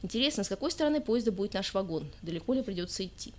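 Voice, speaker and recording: A woman voicing a tired, timid young woman who speaks in a soft, thin voice. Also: medium pitch, expressive, very fast, close to an everyday voice. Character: tired, meek young woman, the poet's girlfriend.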